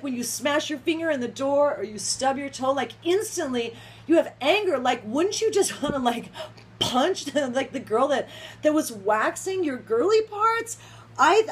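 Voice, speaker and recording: A young adult woman in a rambling, casual vlog rant, laughing often as she talks. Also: high voice. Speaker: vlogger.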